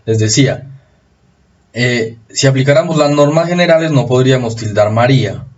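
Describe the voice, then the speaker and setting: A man giving a recorded spelling lesson, explaining rules slowly and repeating them for emphasis. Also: mid-range voice, dull audio. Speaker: spelling teacher.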